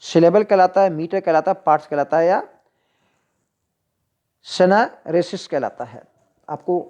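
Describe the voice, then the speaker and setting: A woman teacher with a Hindi accent, going through exam practice questions, reading each one slowly and then explaining the answer choices. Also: fairly low pitch, warm tone. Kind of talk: exam-prep lesson.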